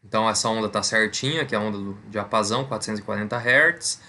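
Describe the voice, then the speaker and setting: A man's voice: on the low side, fast, sharp tone, a little hiss or hum. A man teaching a recorded physics lesson over slides, speaking conversationally and checking in with his students after almost every point. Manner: explains step by step, repeats key points.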